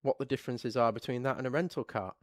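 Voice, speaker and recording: Relaxed man reading a race grid. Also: mid-range voice, quick pace, dry recording, clean studio sound. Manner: relaxed, reads the starting grid in a steady list. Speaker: race commentator. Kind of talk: live motorsport commentary.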